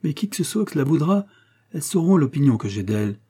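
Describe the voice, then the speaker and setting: A man voicing an indignant middle-aged widow who scolds fast and loud in a storybook reading. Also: medium pitch, lively intonation, breathy edge. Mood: scolding.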